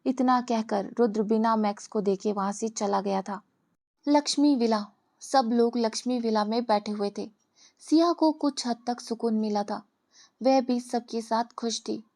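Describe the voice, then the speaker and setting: A woman's voice: a little high, unhurried, a little mellow. Woman narrating a dramatic audio story.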